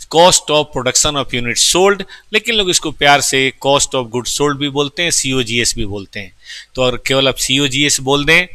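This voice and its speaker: A man's voice: mid-range voice, pushed and bright, no echo. A man teaching a class, explaining step by step, often asking his students questions and speaking to them affectionately. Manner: affectionate, calls students "beta". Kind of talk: classroom lecture.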